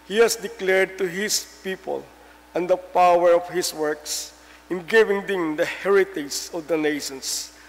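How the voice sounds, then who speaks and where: A man's voice: high-pitched, fairly even intonation, a little slow. A man reading scripture and a responsorial psalm as lector in a church. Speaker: lector at Mass. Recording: long church reverb.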